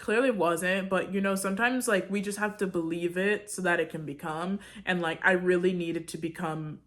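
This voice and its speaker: A woman's voice: fairly low pitch, steady tone, normal speed, a bit bright. A young woman vlogger casually telling a story, chatty, with lots of "like," acting out her own reactions.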